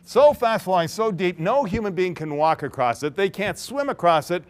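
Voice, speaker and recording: Guy keynote speaker telling a story to a big room, high voice that jumps around a lot, acts out characters, laughs a bunch. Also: expressive, normal speed. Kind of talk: interactive storytelling talk to an audience. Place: large conference hall.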